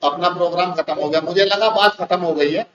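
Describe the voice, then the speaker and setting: A man with an Indian accent, a teacher telling a lively anecdote to his class in a classroom. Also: high voice, fairly quick, highs cut off, over music. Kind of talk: classroom storytelling.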